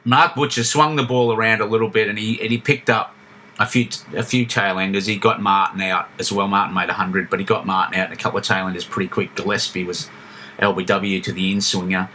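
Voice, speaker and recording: A man with a low, bright and forceful voice tells stories in a relaxed podcast chat. He wanders through his memories with frequent restarts, and a faint hiss sits under the recording. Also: brisk. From Australia. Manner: reminiscing, storytelling with frequent restarts. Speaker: podcast co-host. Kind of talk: casual chat.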